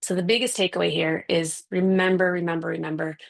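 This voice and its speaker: A woman's voice: fairly low pitch, level tone, fast talker, creaky. A woman, a parenting specialist, giving a conversational, emphatic talk full of rhetorical questions.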